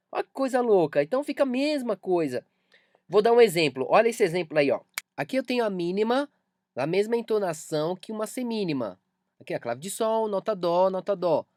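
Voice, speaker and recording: Low-voiced Brazilian woman teaching music. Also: darkish tone, dry recording, studio quality. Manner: patient, repeats key points to explain. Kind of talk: video music lesson.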